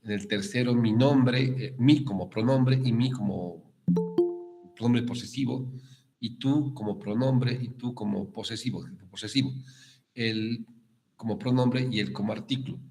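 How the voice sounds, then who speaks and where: A man with a Bolivian Spanish accent giving a university prep lesson on written accents, explaining slowly with frequent fillers and self-corrections. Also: medium pitch, warm tone, faint music behind. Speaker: guest lecturer.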